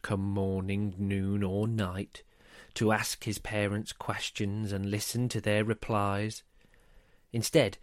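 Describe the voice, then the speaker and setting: A man's voice: lowish voice, no room sound, clean studio sound. Man reading a rhyming storybook. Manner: lively, expressive reading.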